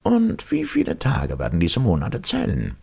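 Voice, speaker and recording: A man with a gravelly, husky voice voicing a strict, pedantic male professor who lectures in a dry tone. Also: low voice, wildly swooping pitch, normal speed, darkish tone, voice pushed up, full character voice.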